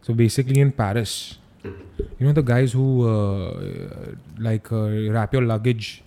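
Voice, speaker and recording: A man's voice: mid-range voice, sing-song, a little slow, creaky, mellow. A young man with an Indian accent chatting casually, using slang and often repeating phrases for emphasis. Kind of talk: casual chat.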